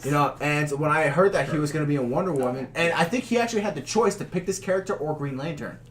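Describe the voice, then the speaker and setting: A man hosting a casual group movie discussion, excitable and quick to cut in on others. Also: on the high side, recorded from a distance. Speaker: podcast host. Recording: group chatter around the voice.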